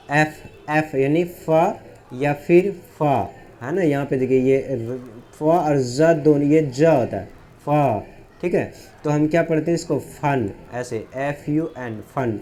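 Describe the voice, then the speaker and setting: Male tutor, warm tone, quizzes the class and answers himself, spells words out slowly. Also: a little high, slight background noise. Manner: asks questions and answers them himself. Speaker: English teacher. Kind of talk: whiteboard phonics lesson.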